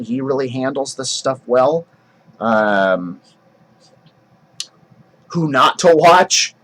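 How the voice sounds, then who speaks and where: A man's voice: mid-range voice, fairly bright tone, low-quality recording. A drama teacher explaining how to speak verse, casual and explanatory, often restarting his sentences. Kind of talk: acting lesson.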